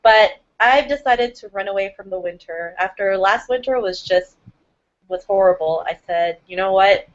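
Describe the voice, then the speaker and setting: A woman from Toronto speaks as a guest on a video call, upbeat and motivational as she introduces herself. Her voice sits at an ordinary pitch. The call audio is dull and lo-fi. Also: normal speed. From Toronto, Canada. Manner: upbeat, motivational, laughs often. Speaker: panel guest. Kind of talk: casual self-introduction.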